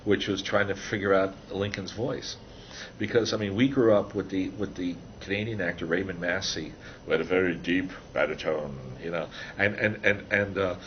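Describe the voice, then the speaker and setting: A man's voice: low-pitched, steady tone, normal speed. An older man being interviewed about his book, talking casually with many restarts and fillers. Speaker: interviewee, author of a book on computer animation. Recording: dull, slightly noisy recording.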